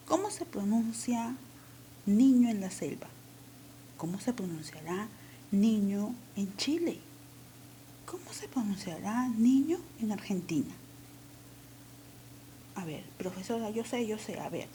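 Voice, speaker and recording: A woman's voice: medium pitch, warm tone, slight background noise. A woman teacher with a Peruvian accent, patiently explaining a language lesson step by step. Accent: Peruvian Spanish.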